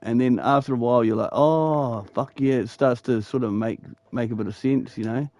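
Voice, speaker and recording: A man with a broad New Zealand accent talks in a loose, rambling way. He is matey and swears freely, as in a casual chat between gamers. His pitch sits in an ordinary male range. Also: steady tone, brisk, darkish tone. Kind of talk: casual chat about gaming.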